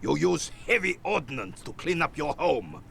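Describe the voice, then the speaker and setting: Gravelly, scornful old man. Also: on the high side, expressive, unhurried, fairly bright tone, slight background noise, exaggerated voice. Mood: bitter, haughty. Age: older. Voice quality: gravelly, creaky. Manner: scornful, biting, haughty. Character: cantankerous, bitter old royalist man, scornful. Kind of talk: video game character acting. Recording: music behind the voice.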